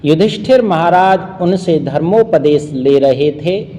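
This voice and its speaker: A male preacher gives a sermon in a slow, measured, recitative way. His voice is somewhat high for a man but mellow in tone, and it rings through a long hall reverb. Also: expressive, slight background noise. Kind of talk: sermon storytelling.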